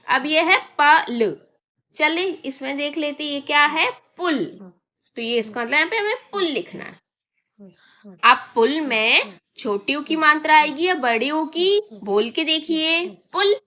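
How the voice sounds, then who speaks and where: A woman with a high, bright voice takes young pupils through a reading lesson at a slow, unhurried pace. She coaxes them along, stretching words out and checking with questions as she goes. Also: animated. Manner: coaxing, repeats words slowly and asks questions. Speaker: primary school Hindi teacher.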